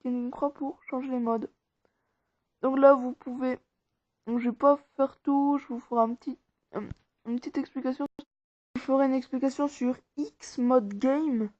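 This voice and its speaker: A woman's voice: sits high, steady tone, normal speed, a little mellow. A woman talking viewers casually through an app tutorial step by step, informal and rambling. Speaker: tutorial maker. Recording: dull, dry lo-fi recording.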